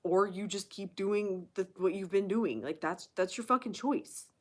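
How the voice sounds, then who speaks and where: A woman's voice: medium pitch, moderate pace. A woman hosting a casual live question-and-answer chat, speaking bluntly and emphatically with frequent swearing. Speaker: channel host.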